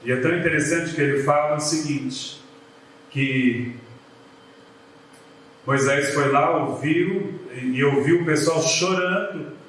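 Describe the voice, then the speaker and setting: Brazilian man, pastor, animated sermon delivery, very reverberant church sound. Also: fairly high pitch, slow, pauses often, slight background noise. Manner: lively preaching, acts out biblical voices, calls the people "queridos". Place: church sanctuary. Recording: very echoey church hall from a distance.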